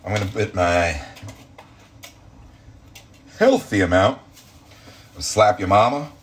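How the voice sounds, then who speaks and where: A man's voice: on the low side, expressive, slow. Chatty, campy man hosting a home cooking show. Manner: chatty, campy, self-mocking jokes. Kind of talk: casual cooking demonstration. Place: home kitchen.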